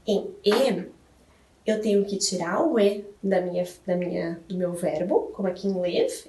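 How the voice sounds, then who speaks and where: A woman with a Brazilian Portuguese accent walks through English grammar rules in a patient classroom manner, often checking in with her listeners. Her voice sits a little high with a mellow tone. She is recorded from some distance in an echoey room. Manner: patient, checks in with tag questions. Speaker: English teacher. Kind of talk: classroom explanation.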